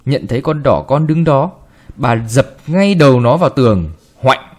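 A man reading a short story aloud with expressive, varied delivery. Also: mid-range voice, normal speed. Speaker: narrator.

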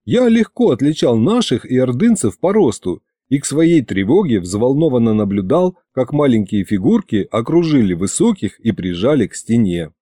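A man reading a first-person audiobook in a lively, expressive way. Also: medium pitch, moderate pace, hardly any pauses, dry recording. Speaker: audiobook narrator.

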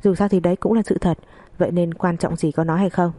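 A woman voicing a defiant, sharp-tongued young wife who answers back coolly and cuttingly. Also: fairly low pitch, steady tone, fast, no echo, lightly acted. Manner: cool, mocking, cutting.

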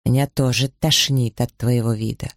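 A man's voice: mid-range voice, steady tone, no echo, clean studio sound, close to an everyday voice. A man voicing a bitter, scornful mother. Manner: scornful, slow and cutting. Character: bitter, harsh older mother, pious and scornful.

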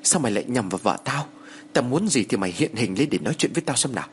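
A man voicing a frightened husband who shouts fierce threats at a ghost to protect his wife. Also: medium pitch, big pitch swings, quick pace, slight background noise, close to an everyday voice. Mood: desperate, defiant.

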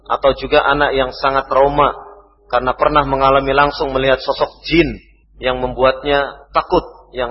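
A man's voice: medium pitch, husky. A man with an Indonesian accent giving a religious study talk, reading out questions and answering them, saying "ya" again and again. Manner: repeats "ya" often, reads questions then answers. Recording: lo-fi reverberant hall recording.

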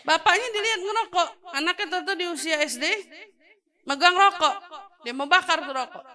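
A high, bright woman preaching with a lilt. She talks casually and playfully, slipping in and out of acted-out quotes and chuckles. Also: normal speed. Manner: lively, acts out quoted voices, laughs often. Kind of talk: sermon to women.

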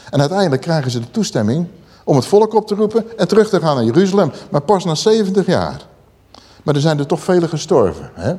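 Lively Dutch-speaking male preacher. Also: fairly high pitch. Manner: lively, questioning the listeners, reading scripture aloud with dramatic pauses. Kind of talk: sermon.

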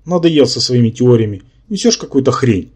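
A man's voice: medium pitch, lively intonation, fairly quick, a little mellow, breathy edge. A man voicing an irritable male half-demon hero who speaks dryly and sarcastically, in an audiobook. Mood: sarcastic. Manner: dry, sarcastic.

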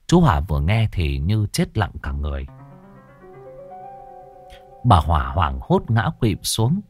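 Lively low-voiced male storyteller. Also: unhurried, faint music behind. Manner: dramatic, expressive. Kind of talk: scripted ghost story narration.

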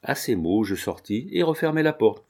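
A man reading a classic novel aloud in a measured, expressive narration. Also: medium pitch. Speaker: audiobook reader. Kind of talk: scripted narration.

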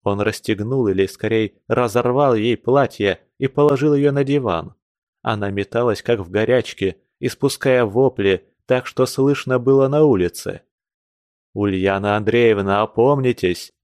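A man narrating a classic novel in a steady, measured reading. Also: medium pitch, no echo, clean studio sound. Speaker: reader.

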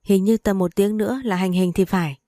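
A woman reading the part of a lecherous rich landlord who speaks slowly and drawls. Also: mid-range voice, steady tone, mellow, no echo, clean studio sound, close to an everyday voice. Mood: lazy, leering. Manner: slow, drawling, then sweetly menacing. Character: lecherous wealthy old landlord, male.

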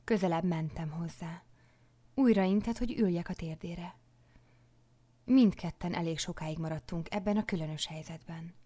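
A woman narrating a novel in the first person for an audiobook, hushed and often dropping into a whisper. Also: on the low side.

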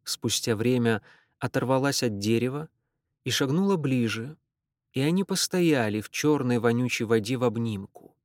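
Measured male literary narrator, dry sound. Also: mid-range voice, no room sound. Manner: measured, expressive storytelling.

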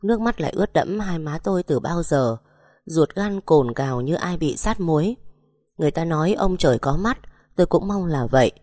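A woman's voice: deep voice, lively intonation, normal speed, mellow, no echo, clean studio sound. A woman narrating a romance story in the first person, reading the dialogue with emotion.

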